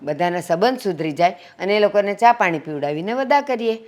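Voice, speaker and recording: A woman's voice: medium pitch, animated, a little fast, darkish tone, close to an everyday voice. A woman playing an older mother who heads the family, making peace and lecturing earnestly. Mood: calm persuading. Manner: earnest, scolding when roused. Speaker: family matriarch. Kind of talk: family drama acting.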